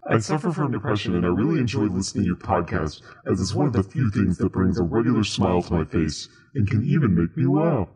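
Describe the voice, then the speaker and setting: A man reads listener reviews in a deliberately spooky voice. His tone is low and airy, with a lot of breath in it. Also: expressive, a little mellow, husky, rough recording. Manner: spooky put-on reading voice. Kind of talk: reading listener feedback aloud.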